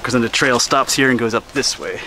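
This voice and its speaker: A hiking vlogger from Pennsylvania, with a medium-pitched voice and brisk pace, narrates his walk along a wooded mountain trail in a relaxed, chatty way, pointing things out. He records on a handheld action camera, and insects and wind are audible outdoors.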